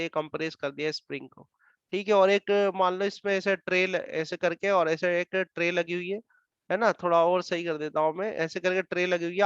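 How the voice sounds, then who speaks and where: Indian guy teaching physics, high clear voice, dictates defs slowly, kinda muffled dry audio. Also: fairly bright tone, no room sound. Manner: explains slowly, repeating terms, dictates English definitions word by word. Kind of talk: classroom lecture. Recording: dull muffled dry sound.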